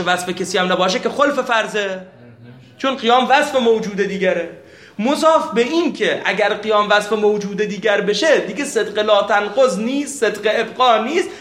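A man teaching a seminary lesson, telling an anecdote that shifts between quiet narration and animated bursts. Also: high-pitched, roomy sound.

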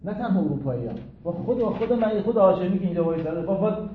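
A man, a cleric, giving an interactive religious lecture to students, telling jokes and stories in an animated way, in a distant, echoey, phone-like recording. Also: high voice, a little hiss or hum. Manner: animated, joking storyteller. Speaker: cleric teaching a religious class.

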